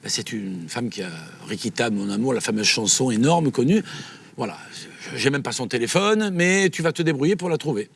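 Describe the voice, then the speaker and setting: A man with a southern French accent, a singer, telling lively anecdotes in an interview and laughing often. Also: mid-range voice, fairly quick, creaky, breathy edge. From south of France. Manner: lively storyteller, laughs often, acts out dialogue. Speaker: singer guest. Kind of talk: storytelling interview.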